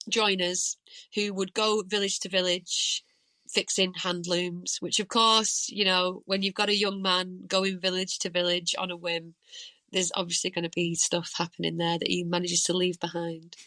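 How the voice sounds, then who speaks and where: A woman's voice: medium pitch, pushed and bright, dry recording. A woman folk singer talking candidly as a guest in a casual interview. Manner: candid, chatty storyteller.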